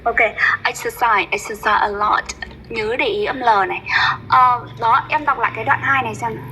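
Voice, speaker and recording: Patient, bright-voiced tutor woman. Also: on the high side, slight background noise, poor audio. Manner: patient, coaxing, models words slowly and repeats them. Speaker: English pronunciation tutor. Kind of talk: one-on-one online tutoring.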